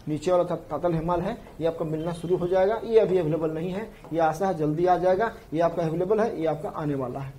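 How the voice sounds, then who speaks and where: A man's voice: on the high side, brisk, few pauses, dark tone. A man teaching an exam prep class, repeating points over and over to drill them in. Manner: repetitive, drilling points to students. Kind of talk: classroom lecture.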